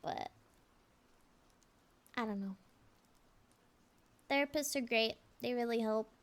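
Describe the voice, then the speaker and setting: A woman's voice: fairly high pitch, slow pace. A young woman chatting casually as a livestream host, in a cute, girlish, bubbly anime-streamer manner. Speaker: livestream host, VTuber artist.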